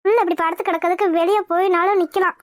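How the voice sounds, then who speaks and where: A woman's voice: very high-pitched, steady tone, very fast. A woman voicing an anxious pregnant young wife in a cartoon who pleads, terrified of needles. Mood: fretful. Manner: fretful, pleading. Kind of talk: cartoon voice acting.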